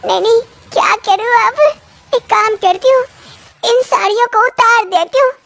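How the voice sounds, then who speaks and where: A woman's voice: very high-pitched, moderate pace, creaky, noisy background, pitched above the performer's own voice. A woman doing a whiny young bride voice. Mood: complaining. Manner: whiny, complaining. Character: young careless city bride, fussy about heat. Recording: faint music underneath.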